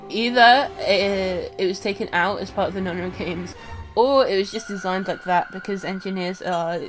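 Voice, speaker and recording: A woman streamer with a cold, reading a visual novel aloud in first person, with quick asides. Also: medium pitch, faint music behind. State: has a cold.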